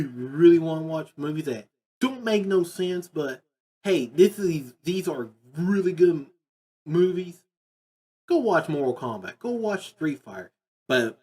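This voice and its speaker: His voice is a little high, mellow, and slightly rough as he hosts a video ranking video game movies. The unscripted commentary wanders, and he stresses points by repeating phrases.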